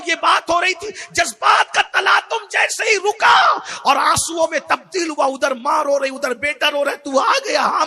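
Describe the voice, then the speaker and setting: A man telling a religious story in a sermon, emphatic and repetitive, dropping to hushed tones and then shouting. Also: high voice, creaky, slightly rough. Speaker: preacher.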